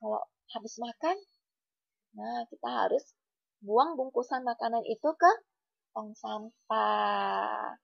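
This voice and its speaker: Woman, kindergarten-style teacher, gentle and repetitive, dry close sound, slightly muffled. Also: a little high, fairly even intonation, slow pace, vocal fry, long pauses, slightly rough, dry recording. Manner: gentle, repetitive, checking in with "oke?". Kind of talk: online lesson for young children.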